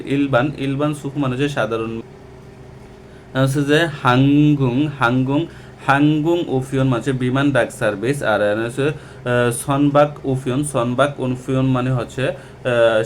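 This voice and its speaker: A man teaching Korean vocabulary from a textbook, talking slowly and repeating each word with many hesitations. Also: mid-range voice, slight background noise. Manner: slow and repetitive, with many hesitations. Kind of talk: textbook lesson explaining vocabulary.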